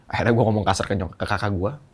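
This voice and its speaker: A man's voice: lowish voice, steady tone, racing, slightly rough. A young man, a podcast guest, telling a candid, emotional personal story in slangy casual speech.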